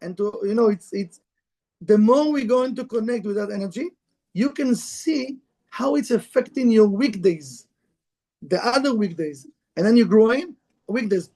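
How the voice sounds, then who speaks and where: Guy with a pretty high voice giving a casual spiritual talk, broken english, keeps asking the room stuff. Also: moderate pace, warm tone. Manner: conversational, broken English, asks the room questions. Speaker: Kabbalah teacher. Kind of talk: informal spiritual lecture to a live group.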